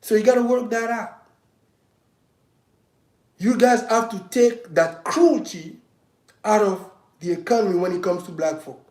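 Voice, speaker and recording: Man, high-pitched voice, heated and emphatic, livestream monologue, echoey room. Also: unhurried, long pauses, a little mellow. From Africa. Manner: heated, emphatic, repetitive restarts. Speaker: self-styled state governor giving political commentary.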